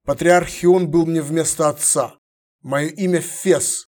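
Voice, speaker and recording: A man voicing a humble young male warrior who speaks quietly and deferentially. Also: a little high, steady tone, takes it slowly.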